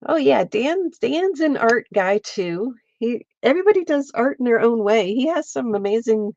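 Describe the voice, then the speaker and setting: A woman with a stuffy, congested voice, slowly walking viewers through a craft step by step and chatting with them as she works. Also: a little high, animated, a little mellow, lo-fi sound, slight background noise. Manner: slow, meandering, chats with viewers while working. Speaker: craft livestreamer. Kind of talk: casual craft demonstration. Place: home, at her lap.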